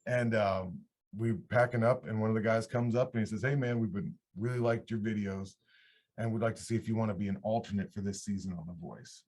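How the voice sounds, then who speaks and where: Rambling and relaxed, a country singer-songwriter in his thirties from upstate New York shares his story in a casual interview and restarts sentences midway. He speaks a little fast in a lowish voice.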